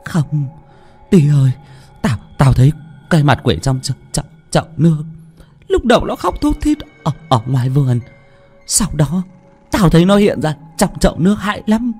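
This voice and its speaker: A man voicing a terrified old woman servant, with a high, strained, shaky voice, in a storytelling reading. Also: big pitch swings, drawn-out words, vocal fry, hardly any pauses, soft background music, full character voice. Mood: frightened. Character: terrified old maidservant woman, shrill and trembling.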